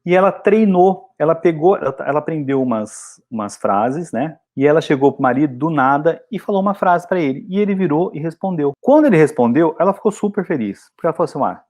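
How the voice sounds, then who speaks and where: A man's voice: on the high side, lively intonation, fairly quick, few pauses, a little mellow. A Brazilian man, an English teacher, giving a chatty and encouraging video lesson.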